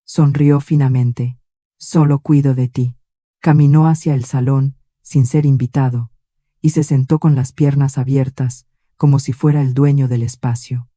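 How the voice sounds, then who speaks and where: A woman narrating a scripted first-person story in a measured, composed way. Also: very deep voice, steady tone, mellow, no room sound, clean studio sound.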